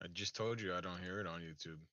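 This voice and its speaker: A man's voice: sits low, fast talker, sharp tone, no echo. A man calling into a livestream, chatting casually and stumbling over his words. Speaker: guest caller on a livestream. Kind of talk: casual chat. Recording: dull, muffled call audio.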